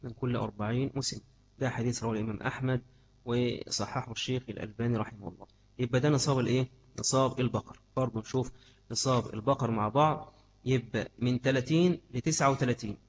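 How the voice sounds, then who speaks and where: A man with an Egyptian accent gives a religious study lesson at a rapid clip. His voice is husky. He repeats key terms and keeps asking his listeners questions. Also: medium pitch, fairly even intonation. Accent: Egyptian Arabic. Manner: repeats key words, asks the class questions. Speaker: religious teacher.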